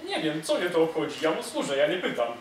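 Man plays loyal disguised servant, secretive, animated pitch; distant stage with noise. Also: fast talker. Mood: evasive. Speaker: student actor. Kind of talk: stage comedy acting. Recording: echoey stage from far off, noisy.

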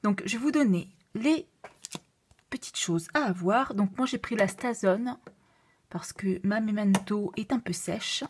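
Slow, hesitant woman with a foreign accent. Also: medium pitch, slight background noise. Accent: non-native French accent. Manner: hesitant, many fillers and self-corrections; drops to a soft whisper at times. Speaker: card-making demonstrator. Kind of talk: craft tutorial.

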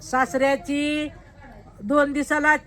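A woman's voice: high-pitched, little pitch movement, slow pace, fairly bright tone. An older woman chatting casually, full of earthy old sayings. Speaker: village elder being interviewed. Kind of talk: casual chat.

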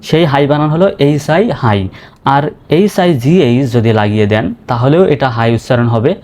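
A man's voice: mid-range voice, lively intonation, a little mellow. Man spelling out words in a lesson. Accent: Bangladeshi. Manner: spells words out letter by letter, then says them slowly. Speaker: English teacher. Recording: faint background noise.

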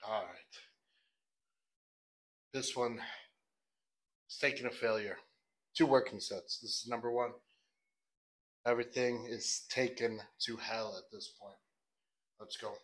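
A man's voice: medium pitch, fairly even intonation, unhurried, long pauses, a bit bright. A man explaining his back training in a home garage gym, talking himself through his sets. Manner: coaching himself, grunting through hard sets. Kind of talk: workout vlog commentary.

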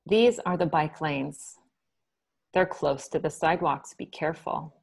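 On a video call, a woman poet reads her own poems softly and at a measured pace, adding short spoken asides between them. Her voice sits low and has a creaky quality.

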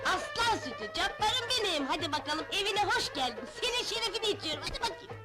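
A bossy scheming auntie. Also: female voice, very high-pitched, very animated, loud music behind the voice. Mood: coaxing. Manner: brisk, coaxing and bossy, quick to scold. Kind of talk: 1970s film comedy acting. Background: loud film score.

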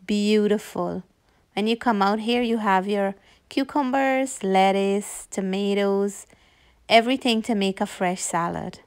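A woman slowly walking through a backyard garden and admiring the plants. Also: mid-range voice, smooth. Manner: slow, admiring. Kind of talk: casual garden tour. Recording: background music under the voice.

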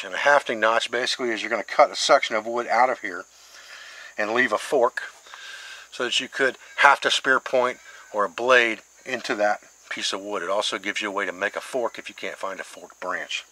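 Outdoors at a wooden board, a middle-aged man carves a stick and teaches bushcraft, explaining plainly one step at a time. His voice is lowish, bright and forceful, at a moderate pace, on a low-quality recording.

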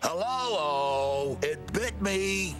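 A wisecracking little dog from an animated series. The voice is very high for a male and swings widely, whiny and sarcastic. Loud music plays behind it. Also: very slow, full character voice. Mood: indignant. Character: wisecracking nervous talking pug, a male alien informant.

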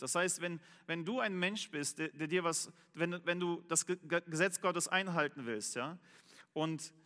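A man's voice: fairly high pitch, sharp tone. A man preaching a sermon, telling a personal story animatedly, with many fillers and restarts. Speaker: pastor. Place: church hall. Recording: long hall reverb.

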